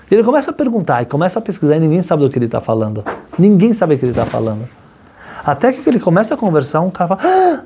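A man, a religious teacher, telling a story in an animated class, his voice climbing high when excited. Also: slight background noise.

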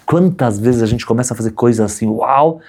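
Husky dark-voiced guy giving a sermon, story style, does all the voices. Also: medium pitch, fairly quick. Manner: animated storyteller, acts out quoted voices, asks "tá bom?" often. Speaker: rabbi teaching a class.

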